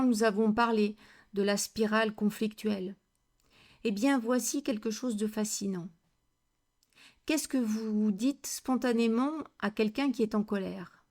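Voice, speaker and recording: Woman, conflict coach, slow deliberate delivery, rhetorical questions, fairly high voice. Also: a little mellow. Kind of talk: educational talk to camera.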